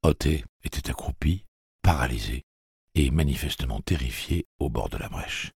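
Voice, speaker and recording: Man, audiobook narration, extremely deep voice, husky, dry close sound. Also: expressive, normal speed, a little mellow, no echo. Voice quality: gravelly, husky voice. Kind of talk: scripted narration.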